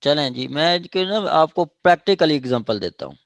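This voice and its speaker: On a dry recording, a law lecturer with a Pakistani accent teaches informally, reading out legal phrases before paraphrasing them simply. His voice is on the high side and animated, and he moves at a moderate pace.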